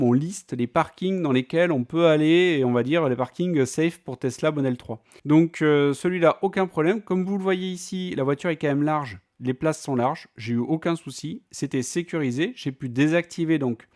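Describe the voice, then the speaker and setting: A man's voice: fairly high pitch, a little mellow. A man talking casually in a vlog, chatty and full of fillers and restarts. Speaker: vlogger.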